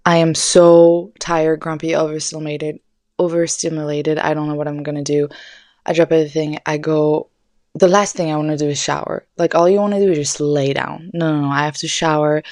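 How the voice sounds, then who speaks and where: A young woman host spins a loose, animated story, full of swears and "like". Her voice sits low for a woman. The sound is dry, with no room around it. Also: dry recording. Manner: rambling, animated, swears often, fillers like "like". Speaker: podcast host. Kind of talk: casual storytelling monologue.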